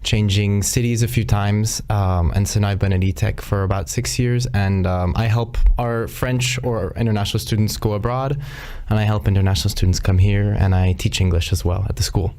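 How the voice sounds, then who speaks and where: American man, fairly low voice, school staffer, friendly and conversational in an online session. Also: fairly even intonation, moderate pace, darkish tone. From United States. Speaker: international staff and English teacher. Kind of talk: live online info session.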